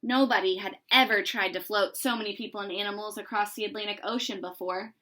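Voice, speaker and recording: Using a mid-range voice, a woman narrates a children's storybook. Her reading is expressive and unhurried.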